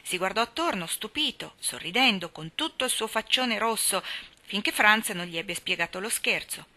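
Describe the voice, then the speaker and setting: A woman reading a classic novel aloud in a measured, expressive storytelling manner. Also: medium pitch. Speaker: reader.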